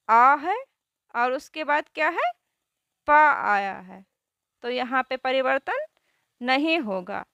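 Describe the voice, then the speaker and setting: A woman teaching a grammar lesson who asks questions and answers them herself, spelling out words slowly. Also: sits high, pushed and bright, clean tone, no echo, studio quality.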